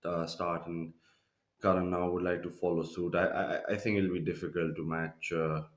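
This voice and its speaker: A man's voice: deep voice, level tone, normal speed, reverberant. A man working as a golf commentator, hosting live tournament coverage from a studio. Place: broadcast studio.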